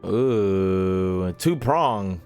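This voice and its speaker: An American game streamer gives casual livestream commentary, joking and swearing in loose slang over video game music and dialogue. His voice is low-pitched with a darkish tone, animated, and he draws out his words.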